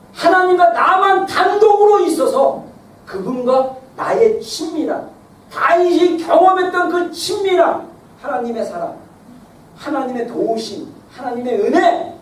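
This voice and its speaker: A middle-aged man from South Korea preaching a sermon in a church, talking in a lively, conversational way that swings between loud and soft. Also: very high-pitched. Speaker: pastor. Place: church sanctuary. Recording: echoey hall, mic far off, faint hiss.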